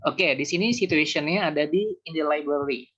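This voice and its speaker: A man teaching a beginners' Mandarin class online, explaining patiently and slowing down to repeat examples. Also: a little high, a bit bright. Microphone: video call. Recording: muffled video call audio.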